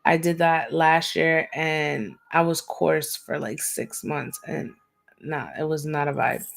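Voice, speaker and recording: A woman hosts a livestream tarot session, giving intuitive readings in a raspy, slightly hoarse, low-pitched voice that she's going easy on. She speaks slowly with fairly even intonation, using slang and a chatty style, often checking in with listeners with "right?" and "okay?".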